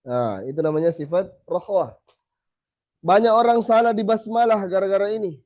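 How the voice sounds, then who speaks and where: A man teaching a small group how to recite, saying letter sounds slowly again and again and then correcting them. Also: sits high, darkish tone. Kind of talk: tajweed lesson to a small group. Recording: slightly dull lo-fi recording.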